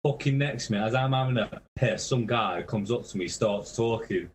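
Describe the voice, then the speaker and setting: Swearing constantly and laughing as he goes, a metal musician who tours rambles through stories from the road for a podcast. His voice is mid-range at normal speed, with slight background noise behind it.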